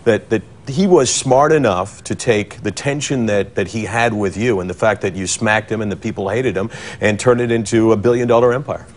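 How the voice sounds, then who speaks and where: A man's voice: lowish voice, normal speed, hardly any pauses. A man hosting a sports talk show, pressing his guest with probing questions. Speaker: talk show host, interviewer. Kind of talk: broadcast sports interview.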